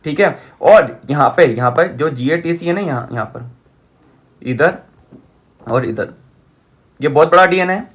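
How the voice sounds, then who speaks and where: Man, higher-pitched voice, whiteboard lecture, repeats terms, checks in with students. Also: unhurried, pauses often. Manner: repeats key terms, asks the class rhetorical checks. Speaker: teacher.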